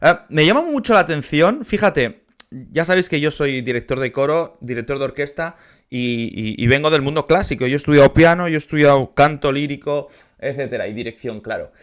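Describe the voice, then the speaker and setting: A man from with a somewhat high-pitched speaking voice talks through a piece of music in a relaxed reaction commentary. He explains patiently and thoughtfully, pausing to reflect as he goes. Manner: thoughtful, explains patiently, sometimes sings syllables to demonstrate. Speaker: music reaction host, choir and orchestra conductor.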